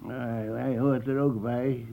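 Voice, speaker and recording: A man's voice: medium pitch, level tone, slow pace, gravelly, warm tone. A man playing a nervous, stammering shady character who repeats his words, in an old radio drama. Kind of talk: 1960s radio drama acting. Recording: tinny old radio broadcast.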